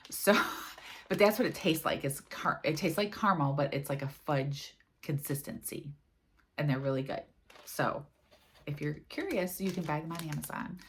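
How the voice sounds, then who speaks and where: Woman from the US, low voice, casual rambling craft vlogger. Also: a little hiss or hum. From United States. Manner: chatty, rambling, full of "like" and "um". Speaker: cross-stitch vlogger. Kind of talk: casual chat.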